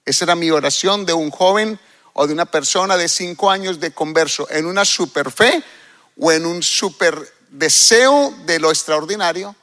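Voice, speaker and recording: A man's voice: fairly high pitch, moderate pace, sharp tone. A middle-aged male pastor from Colombia, preaching a sermon and reading scripture aloud with dramatic emphasis while asking his congregation questions. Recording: long hall reverb.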